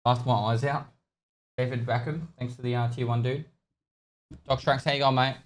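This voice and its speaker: Australian guy on a livestream headset mic, laid-back streamer voice, halting and easygoing. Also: mid-range voice. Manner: relaxed, trailing off with hesitations while thanking viewers. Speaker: gaming streamer. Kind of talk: casual livestream chat while gaming.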